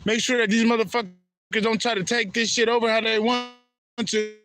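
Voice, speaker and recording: A man's voice: extremely high pitch, little pitch movement, a little fast, a bit bright. A man from Haiti giving a rambling, profane spiritual monologue that repeats itself. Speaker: spiritual vlogger.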